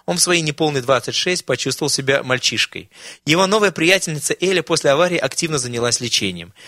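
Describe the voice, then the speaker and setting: A man's voice: a little high, pushed and bright, no echo, clean studio sound. A man reading a wry audiobook story aloud as narrator. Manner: wry storytelling, voicing characters. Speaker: audiobook reader. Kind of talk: scripted narration.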